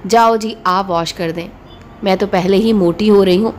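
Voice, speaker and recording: A woman's voice: mid-range voice, fairly even intonation, normal speed, a little hiss or hum, close to an everyday voice. A woman voicing a loving, cheeky young wife in a read-aloud story. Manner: warm, teasing.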